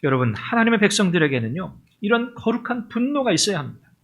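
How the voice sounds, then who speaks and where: A man's voice: high voice, very animated, quick pace, a bit bright. A man preaching a Sunday sermon with passion, acting out the words of the biblical figures. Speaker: pastor.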